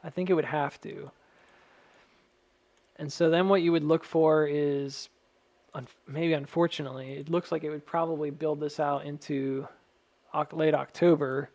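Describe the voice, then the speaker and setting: A man with a slightly high voice talks through technical analysis casually, as if thinking aloud. His s sounds carry a faint whistle, and his delivery is measured and careful, qualifying points as he goes. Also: level tone, darkish tone. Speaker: stock chart analyst addressing viewers. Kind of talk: casual technical chart commentary.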